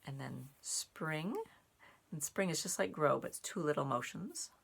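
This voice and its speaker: This woman speaks in a deep, husky voice with vocal fry and a fairly bright tone, unhurried but lively in intonation. She reads aloud from a picture book and explains in plain language, as a storyteller and sign language teacher for young children. Some casual sign language teaching is woven in.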